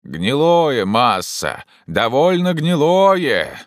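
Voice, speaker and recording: A man voicing a simple, cautious male servant who calls out in a slow, drawn-out way. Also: mid-range voice, big pitch swings, sharp tone, no room sound, clean studio sound, voice pushed up, full character voice. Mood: calling out.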